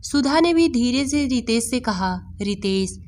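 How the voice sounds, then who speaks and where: Woman calmly reading a story. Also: high-pitched, unhurried. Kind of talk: scripted story narration.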